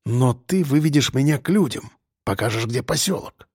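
A man's voice: mid-range voice, lively intonation, moderate pace, a little mellow, slightly rough, dry recording, clean studio sound. A man voicing a scheming, streetwise male convict who talks in slang and presses with questions. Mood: wheedling.

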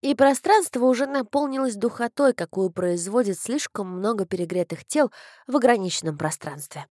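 A woman's voice: fairly high pitch, animated, moderate pace, darkish tone, dry recording. Woman reading an audiobook, wry and dry. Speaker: audiobook narrator. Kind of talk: scripted first-person narration.

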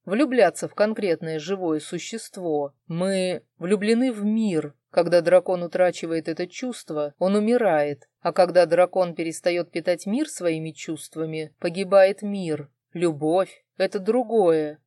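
A woman's voice: lowish voice, measured pace, few pauses, dark tone, no echo, clean studio sound, lightly acted. A woman reading the lines of a male dragon, a tense and pleading lover, in an audiobook. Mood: earnest. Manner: urgent, pleading.

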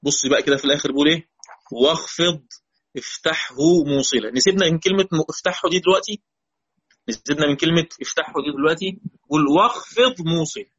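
Egyptian-accented male teacher, husky, slightly high, checks understanding often; muffled lo-fi audio. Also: fast talker, a bit bright. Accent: Egyptian Arabic. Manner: questioning students, repeating key phrases. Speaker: Quran recitation teacher. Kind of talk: lesson. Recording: dull lo-fi recording.

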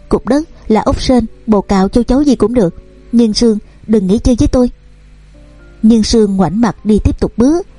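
A woman narrating a romance novel and reading every character's lines in her own voice, over soft background music. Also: medium pitch, slightly rough, no echo. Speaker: audiobook narrator. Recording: dry close recording with soft music underneath.

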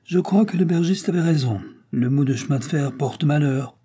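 A man putting on a cunning killer disguised as a simple fruit seller, folksy and sly, pitched a touch higher than the reader's own voice. The tone is mellow and a little husky, as in a storybook reading. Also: moderate pace, close to an everyday voice. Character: cunning male cutthroat posing as a humble fruit seller.

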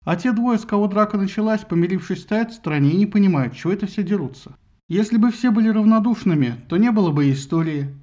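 A man narrating a satirical retelling of Greek myths in a lively, ironic storytelling manner. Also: high-pitched, quick pace, muffled recording. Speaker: audiobook narrator.

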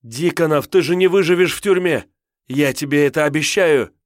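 A man voicing a frightened, fierce captive woman who shouts and pleads in a high, strained voice. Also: moderate pace, no room sound, studio quality, lightly acted. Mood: hysterical.

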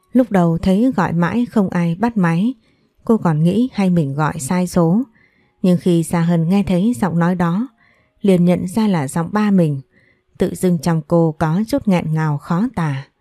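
A woman narrates a scripted story in an even, measured reading. Her voice sits low and sounds mellow and dark. The sound is dry and close. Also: no room sound.

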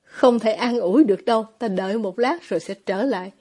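A woman reading the part of a gentle young man who speaks softly and reasons calmly. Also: a little high, brisk, husky.

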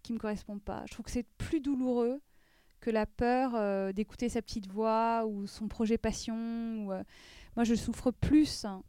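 Soft-spoken reflective Frenchwoman, smooth dark tone. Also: a little high, steady tone, unhurried, no echo. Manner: reflective, many hesitations and restarts. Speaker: guest. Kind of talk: podcast interview.

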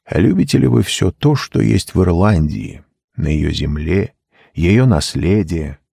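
A man voicing a soft-spoken old lord. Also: sits low, expressive, a little slow, creaky, husky, no echo, clean studio sound, exaggerated voice. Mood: persuasive.

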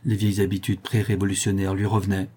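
A man reading a historical novel aloud in measured storytelling narration. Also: sits low, level tone, dark tone, slightly rough. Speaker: audiobook reader.

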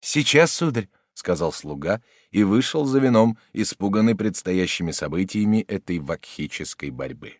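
A man narrating a classic novel aloud in a calm, measured voice. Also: sits low, no room sound, clean studio sound. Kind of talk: audiobook narration.

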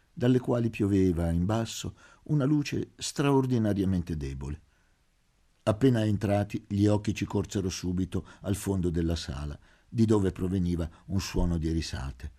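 A man reading a literary novel aloud as an audiobook narrator, in a measured, expressive way. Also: sits low. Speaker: audiobook reader.

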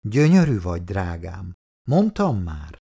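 A man reading the lines of a devoted, attentive middle-aged husband in an audiobook, speaking softly and warmly. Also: low-pitched, big pitch swings, vocal fry, slightly rough, heavily acted. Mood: loving.

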